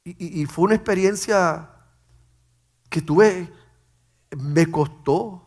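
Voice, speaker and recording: A man's voice: high voice, takes it slowly, a little mellow. A middle-aged man, a pastor, telling a personal story in an emotional way and often repeating words. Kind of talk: personal testimony.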